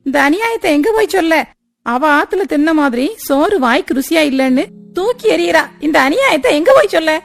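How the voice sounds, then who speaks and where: A woman's voice: very high voice, animated, a little fast, gravelly, full character voice. A woman playing a scheming, spiteful woman of the house who scolds and gossips sharply. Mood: scolding.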